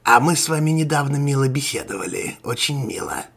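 A man voicing a sinister male sorcerer villain in a crow mask, with a hoarse, gravelly voice and a gloating, menacing manner, in an audio story. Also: mid-range voice, lively intonation, fairly quick, fairly bright tone, pitched above the performer's own voice, heavily acted. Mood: gloating menace.

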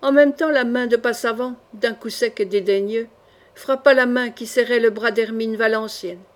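Woman reading an audiobook, fairly high voice, measured and expressive. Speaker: audiobook narrator. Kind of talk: scripted literary narration.

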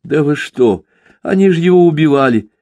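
A man's voice: medium pitch, big pitch swings, moderate pace, warm tone, husky, dry recording, pitched above the performer's own voice. A man voicing the victim's indignant son, who protests in agitated outbursts.

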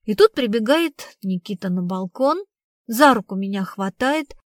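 A woman's voice: mid-range voice, expressive, a little slow, no echo, clean studio sound, natural voice. A woman reading the part of a blunt, streetwise young woman who tells her story in slangy, casual speech. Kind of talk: audiobook reading.

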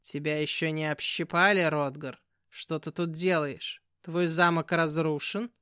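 A woman's voice: low voice, fairly even intonation, unhurried, a bit bright, no echo, studio quality. A woman voicing a grumpy male cat who is secretly a powerful ancient demon, hissing and grumbling as he speaks.

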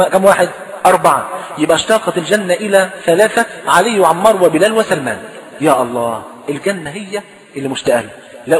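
A male preacher with an Egyptian Arabic accent tells a story in a sermon. He acts out the dialogue in an animated way. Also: high-pitched. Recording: long hall reverb.

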